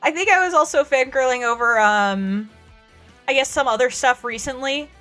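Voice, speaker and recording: A young woman streamer chatting casually while drawing, excitable and quick to laugh, fighting off a cold. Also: high voice, faint music behind. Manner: excitable, gushes and laughs a lot. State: coming down with a cold, coughing.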